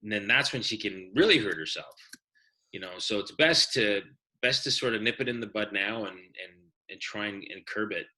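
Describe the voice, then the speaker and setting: A man's voice: lowish voice, expressive, normal speed, bright, forceful tone, poor audio. A middle-aged man co-hosting a podcast, casually giving fatherly parenting advice in a firm, practical way. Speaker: podcast co-host. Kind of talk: casual chat.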